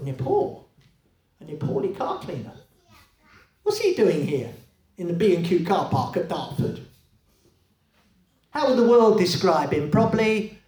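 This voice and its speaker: A man preaching a sermon in a church, conversational and lively, with many rhetorical questions to the congregation. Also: high voice. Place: church hall. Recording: echoey hall, voice from a distance.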